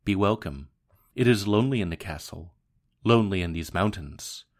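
A man reading aloud the lines of a lonely, seductive female vampire countess in a soft, lowered voice. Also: animated, normal speed. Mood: languid, yearning.

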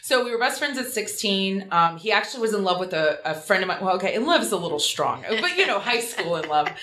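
A lively woman in her forties spins a personal story as an interview guest, laughing often and putting on little voices for the people she quotes. Her tone is bright and forward, and the talk rings in an echoey room. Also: medium pitch, fast. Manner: animated, laughing, acting out quotes. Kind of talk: casual storytelling.

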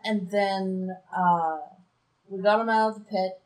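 A woman player in a tabletop game, recapping casually with relaxed fillers. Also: mid-range voice, slow, poor audio.

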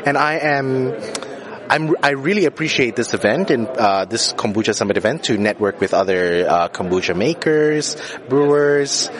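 A man's voice: medium pitch, normal speed. Rambling man from Malaysia. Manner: rambling, many fillers and restarts. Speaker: kombucha brewer. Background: crowd chatter.

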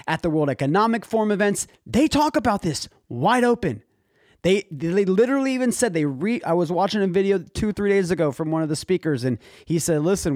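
A young man talking on a casual podcast, his voice fairly high and recorded dry and close. He presses his points earnestly and drops in bro and dude. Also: a little mellow, dry recording. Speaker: podcast co-host. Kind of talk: casual chat.

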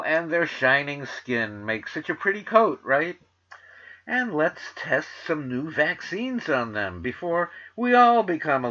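Middle-aged New York man, radio host, slow rambling sardonic delivery, bright tone, dull lo-fi sound. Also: mid-range voice. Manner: rambling, sardonic, many filler uhs. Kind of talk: casual monologue.

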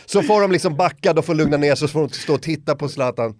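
A man chatting casually on a podcast, telling an animated anecdote and acting out the shouts and quotes of the people in it. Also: a little high, no echo, clean studio sound. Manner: lively anecdote teller, acts out shouts and quotes. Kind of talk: casual chat, animated storytelling.

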